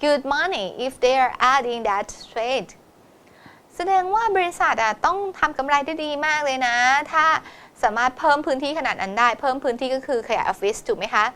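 A woman teaching a test-prep lesson, explaining in Thai and reading English exam lines slowly. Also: high voice, expressive, fairly bright tone.

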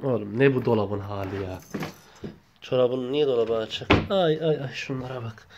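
A man's voice: mid-range voice, moderate pace, muffled recording, background noise. A man playing with his small child, coaxing and repeating words over and over. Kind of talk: playful home video chat with a child.

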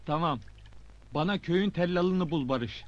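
A man's voice: a little high, measured pace, dull audio, close to an everyday voice. A man acting a middle-aged, earnest and headstrong newspaper reporter in a comedy film. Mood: explaining, dismissive.

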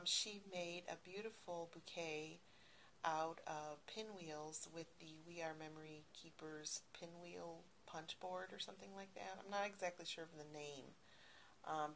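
A middle-aged woman talks through her handmade project in a loose, rambling way, full of ums and restarts. Her voice sits low with a gravelly edge. It is recorded on a handheld phone video, with a faint hiss behind it. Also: a bit bright, poor audio. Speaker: crafting vlogger. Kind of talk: casual show-and-tell.

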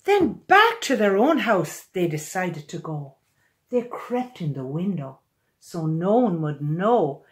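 In a small room at home, a children's author in her sixties performs a read-aloud of her picture book. She speaks in a mid-range voice, telling the story expressively and with animated, careful pacing.

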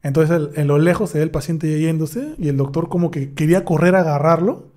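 A young man narrates a personal story on a podcast in a relaxed, casual way. His voice sits a little high, with a dark, mellow timbre. He imitates the people in his story as he goes. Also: fast. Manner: animated anecdote telling, acts out dialogue. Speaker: podcast co-host, dentist.

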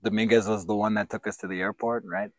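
A man in his thirties, a professional footballer, answering questions in an outdoor sit-down interview, measured and reflective, with a handheld mic. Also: lowish voice, steady tone, dry recording. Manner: measured, reflective, speaks in considered restarts. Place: outdoors by sports courts. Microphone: handheld branded mic.

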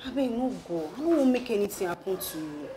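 A woman's voice: medium pitch, animated, fast talker, dark tone, slight background noise, lightly acted. An actress playing a worried young woman coworker who is protective of her friend, speaking Nigerian Pidgin. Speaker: shop coworker. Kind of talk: Nollywood film acting.

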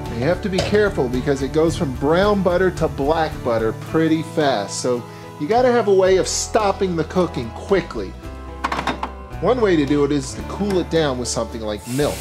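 Hosting a scripted cooking show from a home kitchen set and a grocery store, a man in his forties speaks straight to camera with playful enthusiasm. His voice sits on the high side, very animated at a moderate pace, over a music bed.

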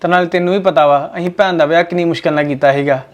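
Fast-talking, earnest man. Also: on the high side, steady tone. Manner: pleading and earnest. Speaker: brother. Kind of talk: family short-film acting.

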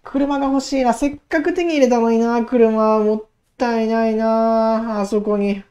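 A woman in her twenties giving casual gameplay commentary, excitable and talking to herself, repeating words in quick bursts. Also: a little high, dull audio. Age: 20s. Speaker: gaming YouTuber.

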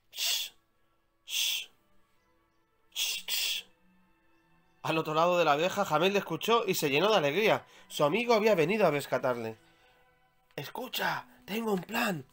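A man from Spain reading aloud his own children's story, with measured, expressive storytelling. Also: a little high.

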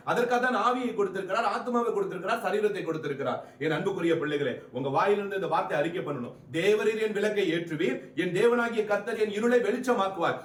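A man's voice: sits high, fairly bright tone, reverberant, far from the mic. A man preaching a fervent sermon, building rhythmic repeated phrases and calling on his listeners to answer.

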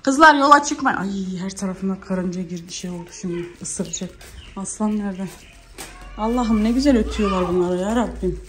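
A woman's voice: medium pitch, steady tone, fairly quick, mellow. A woman chatting in a home vlog, often calling out to her children as she does chores. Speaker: vlogger and mother. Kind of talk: casual home vlog chat. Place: home, kitchen and yard. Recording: echoey room with background noise.

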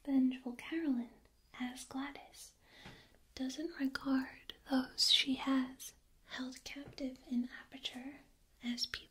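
A woman softly whispering an ASMR analysis in a slow, deliberate way, ear to ear into a binaural microphone. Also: sits high.

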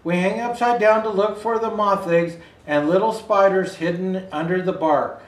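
At normal speed and with a high-pitched voice, an older man playing a Santa storyteller gives an expressive reading of a children's picture book, with asides aimed at viewers. The indoor setting produces a roomy echo.

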